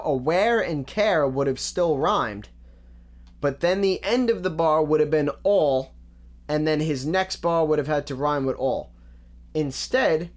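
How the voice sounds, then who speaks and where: A man giving a casual, methodical breakdown of rap lyrics, with frequent ums and restarts. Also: a little high. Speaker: music reaction host.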